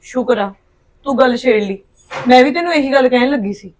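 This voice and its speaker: A woman's voice: sits high, a little fast, slight background noise, natural voice. An actress with a Punjabi accent playing a resentful young wife who scolds her husband in a family quarrel. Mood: scheming. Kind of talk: short film acting.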